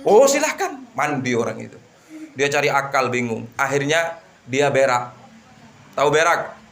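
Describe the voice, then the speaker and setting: A man teaching an Islamic book study, telling a moral story with lively rhetorical questions. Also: medium pitch, moderate pace, creaky. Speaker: religious teacher.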